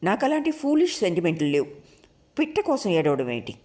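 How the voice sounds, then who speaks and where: A woman voicing a blunt, sarcastic young college woman who talks briskly and forcefully in a told story. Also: lowish voice, sing-song.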